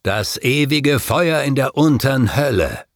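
A wise, steady old master speaks in this storybook reading, played by a man. He talks slowly and solemnly, his voice gravelly, with a pitch that rises and falls in a lively way. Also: no room sound, clean studio sound. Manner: solemn, measured. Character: wise, calm older male guide and master.

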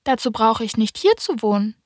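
A woman reading an audiobook, voicing a small boy prince who asks earnest, insistent questions in a raised, clear voice. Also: on the high side, sing-song, normal speed, a little mellow, dry recording, studio quality. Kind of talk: audiobook character voice.

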